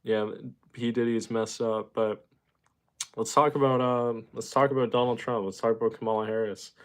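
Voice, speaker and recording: Speaking at a moderate pace, this young livestream host from Boston, Massachusetts has a clear, resonant, mid-range voice and a steady tone. He chats casually, reads out viewer comments, says hi to chatters, and wanders along with lots of filler words.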